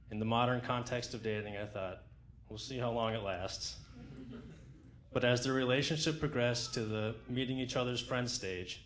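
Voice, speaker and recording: A man's voice: mid-range voice, a little hiss or hum. A young man at a wedding reception, reading a prepared best man's toast into a handheld mic in a fond, teasing way. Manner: fond, teasing, with light jokes. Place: wedding reception in a large dining room.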